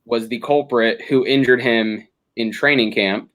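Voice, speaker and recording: A man's voice: medium pitch, steady tone, unhurried, fairly bright tone. A young man hosting a casual sports podcast, talking through games analytically with frequent ums and restarts. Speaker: podcast host.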